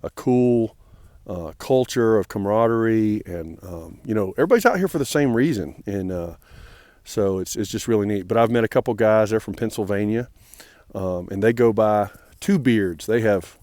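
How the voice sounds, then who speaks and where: A man's voice: on the low side, normal speed, darkish tone, dry recording, studio quality. A man vlogging casually outdoors on a mountain trail, friendly and rambling, with many fillers and restarts. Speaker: hiker vlogging his trail days.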